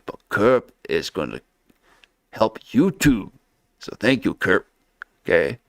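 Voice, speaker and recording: A man drawls slowly through a casual livestream, his low voice grainy with fry. He wanders from thought to thought and keeps tacking on "okay?" The sound is dry and close. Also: big pitch swings, a bit bright, dry recording. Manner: rambling, fills nearly every pause with "okay?". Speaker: livestream reaction host. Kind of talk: casual rambling livestream commentary.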